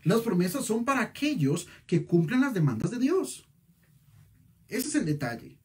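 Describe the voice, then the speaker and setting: Male pastor, husky voice, fairly high and lively pitch, sermon. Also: normal speed. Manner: animated preaching with rhetorical questions.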